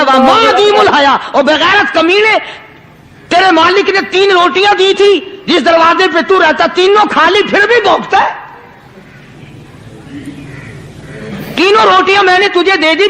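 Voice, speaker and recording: An indignant, hungry hermit saint acted out by a man who scolds in anger. The voice climbs very high and rings sharp and bright. Faint noise stays in the background. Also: animated, pauses often, exaggerated voice. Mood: angry. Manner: angry scolding.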